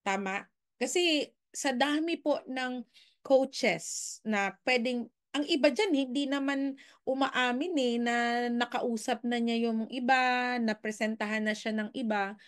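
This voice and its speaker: Blending English and Filipino, a woman from the Philippines leads an informal sales coaching session, frequently tossing quick tag questions to her audience. Her voice is a little high.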